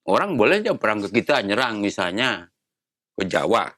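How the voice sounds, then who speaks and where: A man's voice: on the low side, big pitch swings, normal speed, fairly bright tone, dry recording, studio quality. A man in his sixties, a retired navy admiral, explaining patiently in a casual interview and posing rhetorical questions. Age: 60s.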